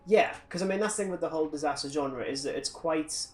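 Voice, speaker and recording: Crowd noise surrounds a British man as he co-hosts a podcast, ranting about films in a casual, sardonic, opinionated chat. His voice is on the high side and his pace is quick.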